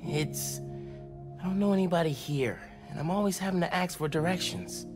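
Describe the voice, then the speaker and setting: A man's voice: high voice, moderate pace, music in the background, lightly acted. A young man playing a friendly, earnest and slightly awkward teenage superhero in a video game, with a hesitant manner. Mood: awkward, gentle. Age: young adult. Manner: hesitant, stammering when flustered. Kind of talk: naturalistic video game acting.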